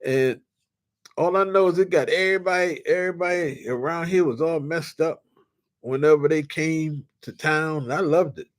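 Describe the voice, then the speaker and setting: Excitable older man from D.C. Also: on the high side, normal speed. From Washington, D.C. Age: 60s. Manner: animated, shouts with excitement, drawls and stretches words. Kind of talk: casual storytelling monologue.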